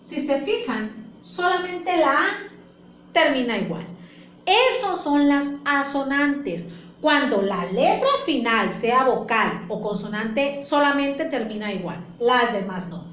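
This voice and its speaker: A woman's voice: sits high, animated, slow pace, a bit bright, a little hiss or hum. A woman teacher explaining a lesson to her class patiently, repeating points and asking questions. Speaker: primary school teacher. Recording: echoey room with faint ambience.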